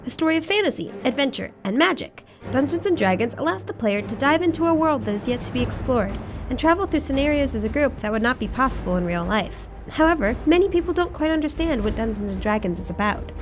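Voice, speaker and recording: A young woman reading scripted documentary narration in an earnest, measured way, and asking interview questions. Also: sits high, expressive, noisy background. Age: young adult. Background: background music.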